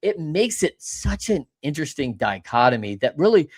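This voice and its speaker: Male host, higher voice, animated, folksy, casual chat. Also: moderate pace, breathy edge. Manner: animated, folksy, talks in asides. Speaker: podcast host.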